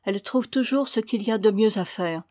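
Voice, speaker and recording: A woman reading a storybook voices a proud young man who speaks calmly and in a measured way. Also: medium pitch, lightly acted.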